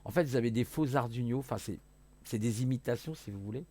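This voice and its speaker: A man casually walking viewers through electronics software, hesitant with many fillers, self-corrections and jokey asides. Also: mid-range voice, fast. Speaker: hobbyist electronics youtuber. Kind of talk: casual screen-share tutorial.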